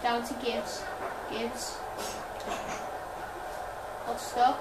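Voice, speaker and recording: A woman's voice: on the high side, drawn-out words, echoey room, distant mic, heavy background noise. A woman commentating on her own football video game, exclaiming at the screen as she plays. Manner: excitable, frequent exclamations at the screen. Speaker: gaming channel host.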